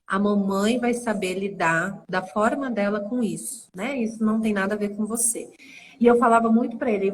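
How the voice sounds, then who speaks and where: A woman's voice: medium pitch, a little hiss or hum, rough recording. A Brazilian woman talking casually and openly as a guest in a live video chat, often checking in with a tag question. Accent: Brazilian Portuguese. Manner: warm, conversational, many tag questions. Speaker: guest, prenatal psychology specialist.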